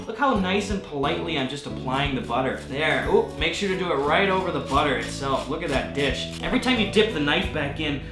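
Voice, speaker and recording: A young man in his twenties hosting a sarcastic mock cooking show, talking with mock cheer and exasperation and yelling at his roommate. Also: sits high. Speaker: comedy host. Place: small home kitchen. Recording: echoey kitchen with background music.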